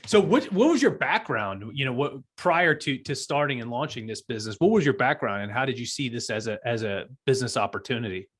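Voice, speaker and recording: Man, podcast host, casual interview, brief affirmations, rambling questions, mid pitch. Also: animated, a little fast, few pauses, fairly bright tone.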